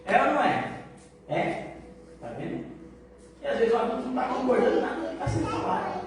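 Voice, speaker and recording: A man preaching a sermon to his congregation, mixing easy conversational talk with sudden loud, emphatic lines and many rhetorical questions. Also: very high voice, lively intonation, brisk. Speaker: pastor. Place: large church hall. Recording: echoey hall, voice far off, background noise.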